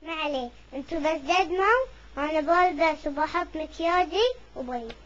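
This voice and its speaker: A performer with a Bahraini Gulf Arabic accent voicing a small, excitable, chattering Smurf in a comic cartoon dub. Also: sits high, normal speed, heavy background noise, lightly acted. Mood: fussy. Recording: dull lo-fi sound, music behind.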